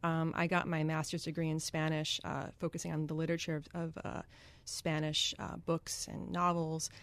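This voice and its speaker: A singer-songwriter from Greenwich, Connecticut, is a guest in a radio studio interview, chatting with plenty of ums and easy laughter. Her deep voice is monotone and creaky at a normal speed, and the recording has no echo.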